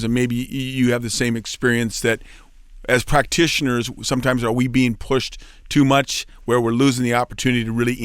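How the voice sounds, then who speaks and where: A male radio host asks questions with eager enthusiasm, often circling back on his words. His voice sits at a middle pitch, and it is recorded close and dry in a studio. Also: dry recording. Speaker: radio host, physical therapist. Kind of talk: radio interview.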